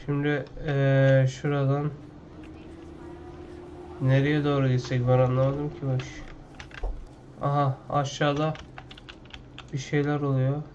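A man's voice: medium pitch, level tone, slow, pauses often, darkish tone, lo-fi sound, slight background noise. A man playing a video game at his computer, talking loosely and with slang, half to himself, in casual gameplay commentary. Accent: Turkish. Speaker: gaming YouTuber.

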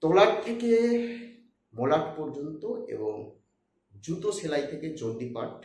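A man's voice: a little high, big pitch swings, measured pace, roomy sound. A man giving impassioned political commentary, talking emphatically to his viewers.

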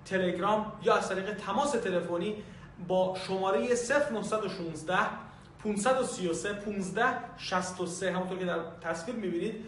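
A man's voice: sits high, fairly bright tone. A man giving a polite, formal sign-off at the end of a lesson video. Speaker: teacher. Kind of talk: channel outro. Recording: echoey room with faint noise.

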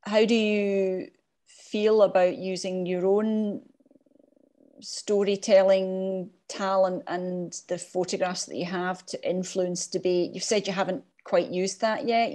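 A woman hosting an online talk over a video call, thanking and questioning her guest with many fillers. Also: fairly low pitch. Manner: warm, appreciative, with fillers. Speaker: host.

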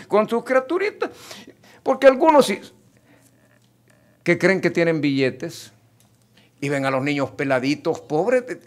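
A man's voice: on the high side, a bit bright. A middle-aged man, preaching a sermon and addressing the congregation directly and emphatically. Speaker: pastor.

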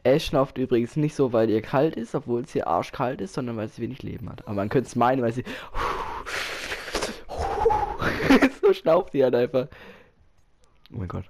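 A man commentating his own match while playing, excitable, often exclaiming and laughing. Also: medium pitch, a little fast, gravelly, slight background noise. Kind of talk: casual gaming commentary.

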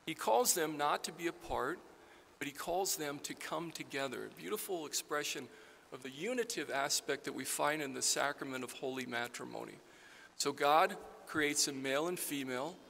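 A middle-aged man preaches a sermon with deliberate emphasis in a bright, forceful voice. It is pitched a little high for a man, with a creaky edge. The sound carries the long reverb of a large church. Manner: deliberate, emphatic, repeats phrases for stress. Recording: reverberant church hall, background noise.

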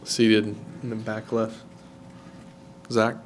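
A male moderator picking out reporters at a press conference, briefly and flatly, from off-mic. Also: on the low side, takes it slowly, slight background noise. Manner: brief, flat calls for questions. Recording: off-mic in a room.

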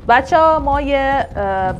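A woman's voice: high-pitched, animated, lo-fi sound, faint music behind. Woman translating gameplay as she plays. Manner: halting, thinks aloud. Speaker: gaming vlogger. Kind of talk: live translation over gameplay.

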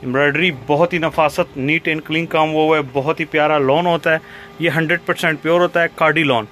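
Pakistani guy doing an eager teleshopping pitch, voice a bit high, some shop noise behind. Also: fairly even intonation, fast, fairly bright tone. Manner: eager teleshopping patter, repeating praise and prices. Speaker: cloth shop seller presenting stock. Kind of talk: sales pitch for a product video. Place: fabric shop, indoors.

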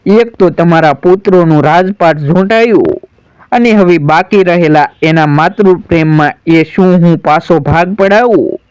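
A male storyteller voices an adult warrior son who is grieving yet proud, pleading sorrowfully in a solemn, declamatory way with light acting. The voice is high, slow, smooth, and clear with a darkish tone. The recording is dry and close, with no sense of room.

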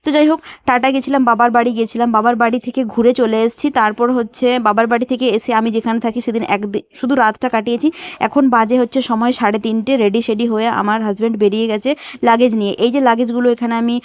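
Young woman vlogging, kinda high voice, dry muffled phone sound. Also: fairly even intonation, fast, no echo. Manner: chatty, emotional, upset in later parts. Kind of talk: casual vlog narration.

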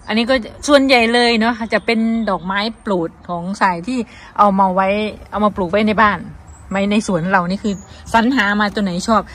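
A woman's voice: mid-range voice, a little fast, a bit bright. A woman with an Isan Thai accent, chatting casually to her viewers in a vlog while showing a garden outdoors. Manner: chatty, addresses viewers as brothers and sisters. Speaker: vlogger.

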